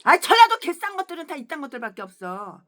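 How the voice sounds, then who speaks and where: A woman pastor delivers a fiery sermon with a high, bright voice. Her pitch swings widely as she scolds, hurls crude insults and moves between quiet asides and sudden shouts. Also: sing-song, fast. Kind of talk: expository sermon.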